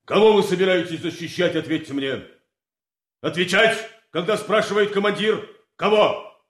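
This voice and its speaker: An actor playing a stern, bitterly sarcastic army colonel in a period military drama, declaiming orders deliberately with heavy pauses. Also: male voice, high-pitched, lightly acted. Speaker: commanding officer. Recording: echoey hall.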